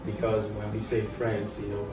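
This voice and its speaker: A man's voice: on the low side, completely flat delivery, normal speed. A man, a guest in a casual group chat, explaining himself and searching for words as he goes. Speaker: interview guest. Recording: echoey, distant mic, background music.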